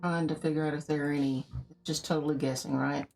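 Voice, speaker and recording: Middle-aged mom, lowish voice, calm and dry, clear music behind her. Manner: calm and deliberate, dry matter-of-fact guesses. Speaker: mother of the host, guessing player. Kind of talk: casual chat. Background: background music.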